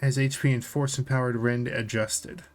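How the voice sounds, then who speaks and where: Speaking at a moderate pace with a level tone and medium pitch, this male podcast co-host keeps things casual. He reads out notes during a tabletop gaming discussion and follows each with his own remarks.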